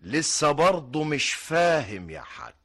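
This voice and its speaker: A man's voice: fairly high pitch, big pitch swings, normal speed, a bit bright. An actor with an Egyptian accent playing a wary village man in a radio drama, placating and evasive, then probing bluntly. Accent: Egyptian Arabic.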